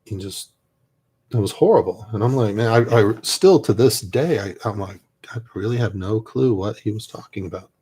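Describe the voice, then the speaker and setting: Though soft-spoken and rambling, this army veteran sounds animated, his lowish voice carrying a breathy edge at normal speed. He chats casually and reflectively as he paints miniatures, occasionally trailing off.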